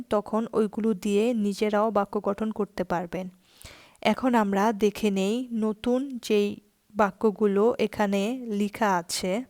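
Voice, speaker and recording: A woman teaching a language lesson, explaining each word and then saying the example phrases very slowly and clearly. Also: mid-range voice, darkish tone, no echo, studio quality. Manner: spells out foreign words slowly, then repeats them.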